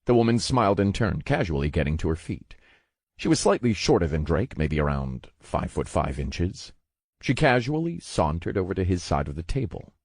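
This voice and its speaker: A man narrating an audiobook in a measured, wry storytelling manner. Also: low voice, big pitch swings, darkish tone, no echo, studio quality.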